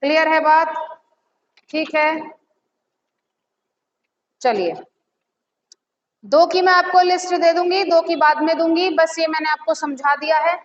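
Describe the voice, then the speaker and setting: A woman teacher giving a lesson, asking questions and answering them herself, repeating key words slowly. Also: high voice. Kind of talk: classroom lesson. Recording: echoey, slightly dull audio with faint noise.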